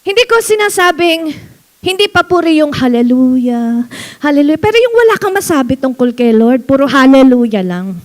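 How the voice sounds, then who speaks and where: A woman pastor preaching a sermon in church, animated, slowing down to read verses and laughing often. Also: high-pitched. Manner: animated preaching mixing Tagalog and English, reads verses slowly, laughs often.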